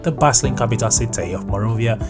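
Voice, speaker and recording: A mid-pitched narrator reads a scripted travel countdown in a smooth, even, promotional tone. Loud background music plays under every line. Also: quick pace. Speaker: video narrator.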